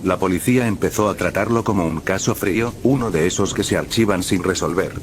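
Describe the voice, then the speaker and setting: A man narrating a first-person horror story in a grave, measured way. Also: sits low, slight background noise.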